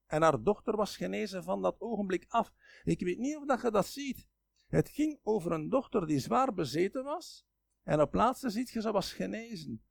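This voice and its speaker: Flemish male preacher, high gravelly voice, very lively delivery, dry close sound. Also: moderate pace, no echo. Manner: animated, dramatizes quoted speech with sudden loud and soft turns. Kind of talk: sermon.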